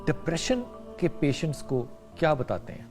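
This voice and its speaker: A man's voice: on the high side, over music. A man hosting a podcast, politely asking short questions and taking a caller. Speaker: podcast host. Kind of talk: interviewing and taking calls.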